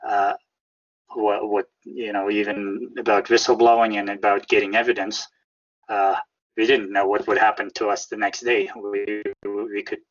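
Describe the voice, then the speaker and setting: A man with a Russian accent answering interview questions in a halting, careful way, often repeating words as he searches for phrasing. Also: lowish voice, a bit bright, lo-fi sound. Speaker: interview guest, whistleblower. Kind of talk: conversational interview.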